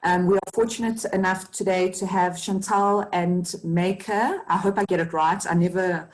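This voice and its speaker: A woman's voice: fairly low pitch, steady tone, normal speed, rough recording. A woman moderating a webinar, introducing the guests hesitantly with many fillers. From South Africa.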